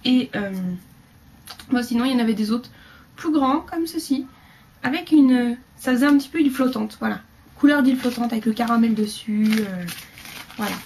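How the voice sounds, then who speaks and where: A woman chatting casually through a beauty haul video, rambling with fillers and dropping into quiet asides. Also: on the high side, moderate pace. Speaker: beauty vlogger.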